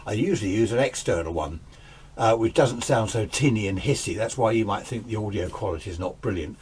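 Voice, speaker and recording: Fairly low-pitched and a little mellow, slightly rough, this middle-aged man talks fairly quickly as he demonstrates his amateur radio gear. His commentary is casual, chatty and self-deprecating, delivered indoors in his home radio shack. A camera's built-in microphone picks up hiss, background noise and faint radio static.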